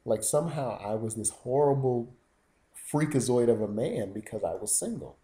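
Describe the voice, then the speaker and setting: A man with a mellow, rather dark voice talks straight into his channel in a casual vlog monologue. He rambles as he tells his stories and takes an indignant, complaining tone. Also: mid-range voice, lively intonation, moderate pace, slight background noise. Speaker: YouTube vlogger.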